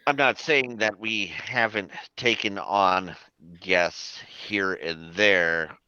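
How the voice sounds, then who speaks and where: Casting: man running a tabletop game, low, forceful voice, dry dull recording. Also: smooth, no echo. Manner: rambling, many fillers. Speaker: game master.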